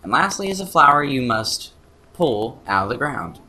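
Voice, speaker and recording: A man's voice: medium pitch, very animated, moderate pace, pushed and bright, a little hiss or hum. A man giving casual, joking commentary as he plays through a video game. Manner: sarcastic and joking. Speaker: let's play commentator.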